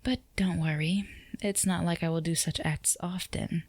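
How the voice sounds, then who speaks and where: Recorded intimately close with no room sound, a woman acts out a self-assured, flirtatious female boss in an ASMR roleplay. Her soft, low voice keeps a steady tone at a moderate pace, dipping into whispers as she teases like someone accustomed to being obeyed, coaxing and flirtatious.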